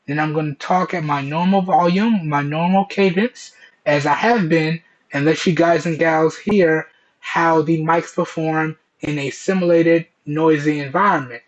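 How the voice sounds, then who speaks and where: A man casually reviewing a product, talking through Bluetooth earbud microphones and often checking in with "okay?". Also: a little high. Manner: chatty, keeps checking in with "okay?" and "all right?". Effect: voice captured through Bluetooth earbud microphones. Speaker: tech reviewer. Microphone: wireless earbuds. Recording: dull lo-fi Bluetooth earbud mic.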